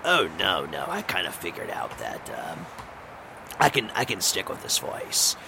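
A sly wizard speaks in a deep voice with a rough, gravelly rasp, as a man acts him out. His pitch swings widely while he drawls along with coy hints. The home recording carries a clear hiss of noise. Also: wildly swooping pitch, measured pace, exaggerated voice. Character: male wizard with a newly changed voice, sly. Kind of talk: voicing a tabletop game character.

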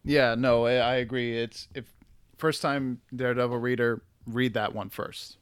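A man's voice: mid-range voice, flat delivery, measured pace, clean tone, dry recording, clean studio sound. A man casually co-hosting a podcast, talking hesitantly with restarts and fillers. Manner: hesitant, restarts, many fillers like "you know". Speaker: podcast co-host. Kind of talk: casual chat about comics.

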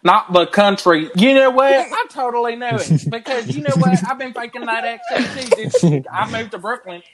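A man playing a loud, melodramatic twin in a comedy skit who keeps switching fake accents, rambling as he talks. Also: high voice, normal speed, a loud crowd, close to an everyday voice. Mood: indignant. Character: dramatic campy adult twin, flip-flops between fake accents.

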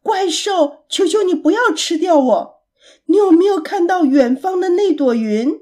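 Little boy piglet voiced by a woman, frightened, clever, very high pleading cries, breathy, storybook. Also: very animated, measured pace, darkish tone, exaggerated voice.

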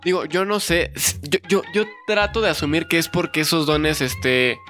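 Bright high-voiced Mexican young man. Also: normal speed, faint music behind. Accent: Mexican Spanish. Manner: slangy, joking interjections. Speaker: podcast co-host. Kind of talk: casual chat.

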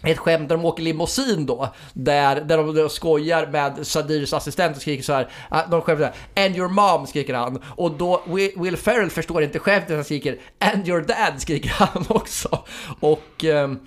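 A man co-hosting a casual film discussion podcast, chatty, with frequent fillers and restarts. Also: on the high side. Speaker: podcast co-host.

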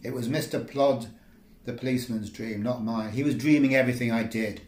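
A man tells a surreal short story in a wry, rambling manner, letting one dreamlike thought run into the next. His voice sits at an ordinary middle pitch. The recording carries a roomy echo. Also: brisk, darkish tone. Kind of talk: reading surreal micro-fiction.

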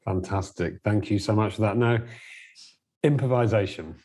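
A man's voice: fairly low pitch, moderate pace, a little mellow. A man with an English accent hosting a podcast interview, polite and slightly formal. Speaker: podcast host.

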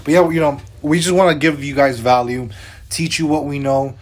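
A man in his twenties co-hosts a podcast, his voice on the high side at a normal speed. He chats casually and upbeat, loose in style and heavy on fillers.

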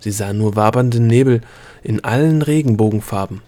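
A man reading a fantasy novel aloud as narrator, calm and even in his storytelling. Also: fairly low pitch, normal speed. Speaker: audiobook narrator. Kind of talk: scripted narration.

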